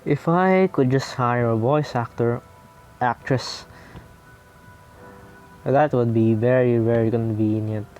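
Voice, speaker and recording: A man's voice: medium pitch, takes it slowly, pauses often, a little mellow, soft background music. A man playing a visual novel, reading its text aloud and breaking off into casual, profane, self-mocking commentary.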